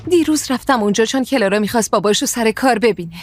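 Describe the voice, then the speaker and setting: A woman's voice: a little high, lightly acted. A woman dubbing a film role: a worn-down wife and mother, blunt and fed up, pressing with pointed questions. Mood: probing. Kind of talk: dubbed film dialogue.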